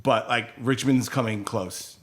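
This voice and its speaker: A man's voice: mid-range voice, fairly even intonation, a little slow. A middle-aged man from upstate New York, a DJ, chatting as a podcast guest and acting out quotes in his stories. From Rochester, New York. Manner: chatty storyteller, acts out quotes. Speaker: DJ and radio host guest. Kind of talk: casual podcast interview.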